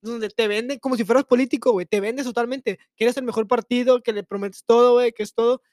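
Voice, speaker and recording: A man's voice: extremely high pitch, steady tone, quick pace, darkish tone, no room sound, studio quality. A young man with a Mexican accent, co-hosting a crude, slang-heavy casual podcast chat and pushing his point insistently. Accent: Mexican Spanish. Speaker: podcast co-host.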